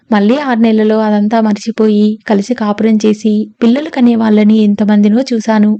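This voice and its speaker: A woman narrating a novel as an audiobook reader, with smooth, expressive storytelling. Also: mid-range voice, dull audio. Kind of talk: novel reading.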